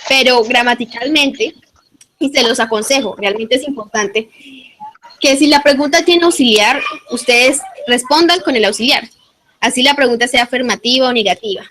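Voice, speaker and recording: Woman teacher, kinda high clear voice, walks the class thru grammar patiently w/ examples. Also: moderate pace, fairly bright tone, slight background noise. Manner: patient, step-by-step explaining with English examples. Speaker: English teacher. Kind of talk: online class instruction.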